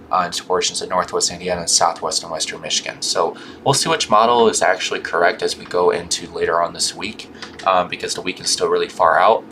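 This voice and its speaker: A man with a low, bright, forceful voice delivers an informal weather update. His mouth and gums are swollen, so he labors over longer words and restarts them. There is faint noise behind him. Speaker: weather forecaster.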